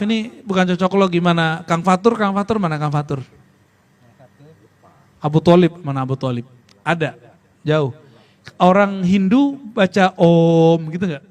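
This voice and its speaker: Man, informal sermon, slightly high voice, conversational teaching, slow chanting. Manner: conversational, quizzes listeners, chants Arabic phrases slowly. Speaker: preacher teaching a study circle. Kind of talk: informal religious lesson.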